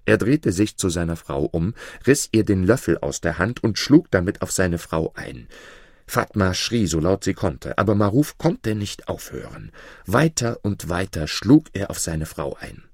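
A man reading a fairy tale aloud in an expressive storytelling style. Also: sits low, unhurried, dry recording, studio quality. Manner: expressive, varied intonation.

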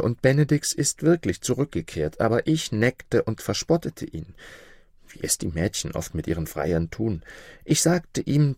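A sorrowful young maid, as a male narrator puts her on, lamenting with her voice lifted higher than his own. The storybook reading sounds dry and close. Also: darkish tone, no echo. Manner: lamenting, tearful. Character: grieving young maid full of guilt.

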